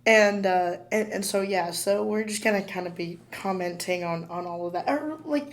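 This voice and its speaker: A woman co-hosts a podcast in a hoarse, squeaky voice. She chats loosely and giggles, stumbling through fillers and restarts as she talks. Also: moderate pace. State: hoarse, squeaky from dust allergy. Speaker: podcast co-host. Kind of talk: casual chat.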